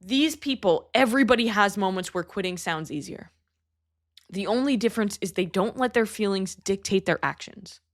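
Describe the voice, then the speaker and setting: A woman's voice: medium pitch, fairly bright tone. A young adult woman hosting a solo motivational podcast, talking emphatically and bluntly with casual swearing. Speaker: podcast host and fitness coach.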